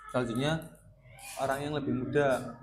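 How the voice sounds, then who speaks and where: A man's voice: medium pitch, little pitch movement, normal speed, noisy background. A man working as a school counselor, leading a casual group guidance lesson and often asking his students questions. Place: school classroom. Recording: classroom with student chatter. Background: students talking and answering.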